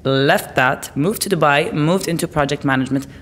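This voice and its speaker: A woman's voice: low-pitched, normal speed. A woman from Lebanon, a podcast guest, chatting casually in a blunt, playful way and laughing often. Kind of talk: casual interview chat. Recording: echoey room with long reverb.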